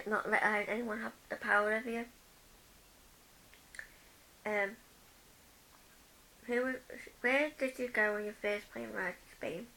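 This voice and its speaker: A woman's voice: fairly high pitch, gravelly, pushed and bright, rough recording. A young woman from the UK vlogging a tag video, chatting as she reads each question aloud and answers it with personal stories.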